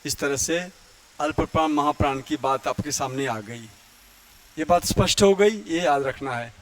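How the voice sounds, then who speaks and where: A man teaching Hindi grammar in a lecture, who often clears his throat and sings out vowels to show how they sound. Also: fairly high pitch, fairly bright tone. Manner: explains slowly, chants vowels and Sanskrit verse to demonstrate. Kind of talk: classroom lecture.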